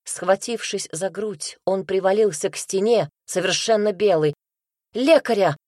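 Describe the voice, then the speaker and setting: A woman narrating a first-person novel in a lively, expressive reading voice, close to the mic. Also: mid-range voice, moderate pace, no room sound. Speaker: audiobook narrator.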